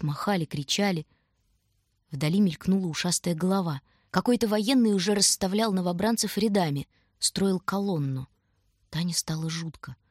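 Woman narrator, audiobook, measured storytelling, low voice, dry close recording. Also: dry recording. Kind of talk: scripted narration.

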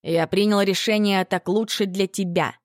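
A woman reading an icy bodiless dark lord. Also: on the low side, moderate pace, dry recording, clean studio sound, lightly acted. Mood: cold. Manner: cold, clipped, imperious. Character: cold commanding bodiless male dark lord. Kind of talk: audiobook character reading.

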